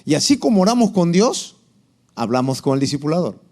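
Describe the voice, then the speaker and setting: A man's voice: fairly high pitch, sing-song, brisk, a little mellow. A male preacher teaching a sermon lesson, asking the congregation questions and acting out quotes.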